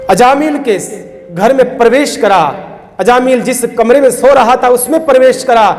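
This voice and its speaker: A man's voice: sits high, slight background noise. A man, a saint, giving a devotional storytelling sermon. He acts out the characters' cries and turns to the listeners with asides. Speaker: saint giving a religious discourse. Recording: reverberant hall, faint background music.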